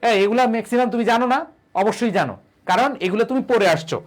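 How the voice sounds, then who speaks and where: A man's voice: very high-pitched, expressive, very fast. A young man gives a live online grammar lesson, repeating his own questions and answering them, and reading out viewer comments. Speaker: online English tutor.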